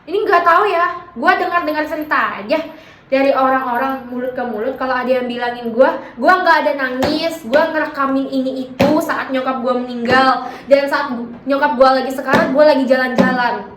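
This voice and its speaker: A woman's voice: high voice, brisk, echoey room, noisy background. A young woman casually telling a personal story, defensive and emphatic, in slangy everyday speech.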